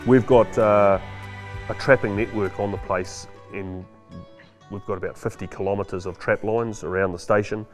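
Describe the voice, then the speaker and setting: A man's voice: lowish voice, steady tone, moderate pace, soft background music. A male farmer with a broad New Zealand Kiwi accent, explaining things casually in a matter-of-fact, laconic way. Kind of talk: casual explanatory talk to camera.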